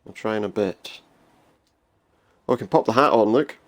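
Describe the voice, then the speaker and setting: Guy doing casual lets play commentary, creaky lowish voice, dry humour, thinking out loud. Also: moderate pace. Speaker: game player commentator.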